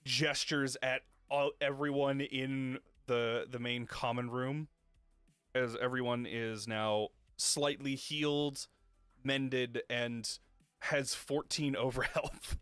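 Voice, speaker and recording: A male game master narrates a tabletop game on a stream. He talks slowly and haltingly, filling pauses with ums and uhs. His voice is close and dry, with faint music underneath. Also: mid-range voice, fairly even intonation, a bit bright, clear, resonant tone, dry recording. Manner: hesitant, many fillers, laughs easily.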